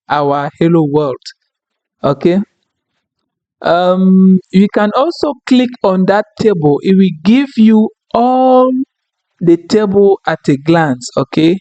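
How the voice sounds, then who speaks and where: In this screen-recorded software tutorial, a French-native instructor with a higher pitch but dark tone walks slowly through a data tool, step by step, peppering his explanation with "okay?" and "right?" The recording is muffled, and his voice is close and dry without room echo.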